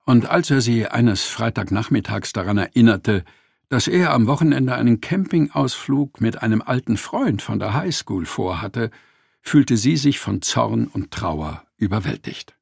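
A man narrating a story in a scripted, expressive and wry manner. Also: mid-range voice, a little slow, creaky, husky, no echo, clean studio sound.

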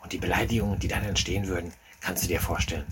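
A man's voice: sits low, fairly even intonation, very fast, a little hiss or hum, natural voice. A man whispering as a jittery secretive party host. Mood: conspiratorial. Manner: conspiratorial hushed whisper. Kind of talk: whispered role-play.

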